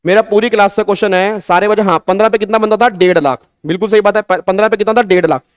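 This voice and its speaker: A man's voice: high voice, fairly even intonation, very fast, smooth, no room sound. A man with an Indian accent giving an online exam-prep tax lecture, coaxing students and repeating his questions, mixing Hindi with English terms. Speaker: tax teacher.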